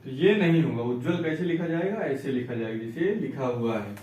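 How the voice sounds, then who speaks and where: A man teaching Hindi spelling, explaining patiently and repeating each word slowly, asking and answering his own questions. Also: medium pitch, animated, a little mellow, distant mic, slight background noise. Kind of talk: spelling and reading lesson. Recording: echoey room, voice away from mic.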